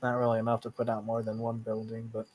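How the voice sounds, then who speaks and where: Flat, matter-of-fact man at the game table. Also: fairly low pitch, fast talker, a little hiss or hum, rough recording. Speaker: player. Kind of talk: casual table talk.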